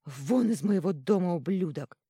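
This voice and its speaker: A woman voicing a cruel, domineering noble father, cold and contemptuous, who bursts into shouting rage. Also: deep voice, animated, moderate pace, dry recording, clean studio sound.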